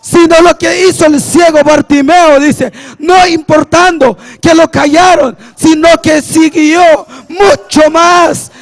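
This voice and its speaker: A young man preaching a passionate sermon, often shouting and drawing out his words for emphasis. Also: very high-pitched, steady tone. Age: young adult. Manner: impassioned, often shouting, slow drawn-out emphasis.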